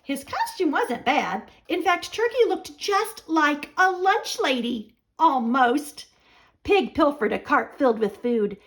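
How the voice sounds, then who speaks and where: A woman with a high voice reads a children's picture book aloud, narrating slowly and expressively like a storyteller.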